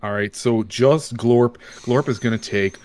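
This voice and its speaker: A man's voice: mid-range voice, measured pace, a little mellow. A man casually narrating a tabletop game as its game master.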